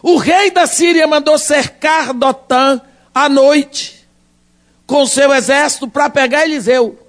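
High-voiced preacher, slow and dramatic. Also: male voice. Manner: dramatic, swinging from shouts to hushed asides. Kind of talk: sermon.

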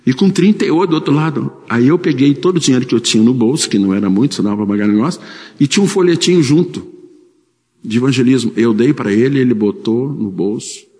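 A man's voice: medium pitch, lively intonation, fast talker, darkish tone, in a large hall. A man preaching a sermon, telling a personal story in a conversational way with frequent tag questions.

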